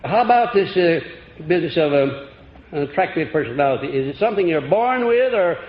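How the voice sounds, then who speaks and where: On an old archival recording, a man with a slightly high voice and lively intonation delivers a folksy motivational seminar lecture at a fairly quick pace, chuckling and quizzing his audience. He speaks to a live audience in a lecture hall. The tape is echoey and dull, with a faint hiss.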